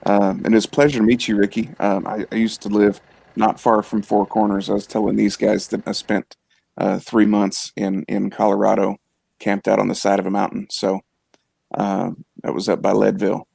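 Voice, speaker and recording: A man's voice: fairly low pitch, completely flat delivery, normal speed, creaky, a little mellow, slightly rough, dry recording. A man, a church member on a panel, talking casually and hesitantly with many fillers. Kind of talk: casual livestream panel talk.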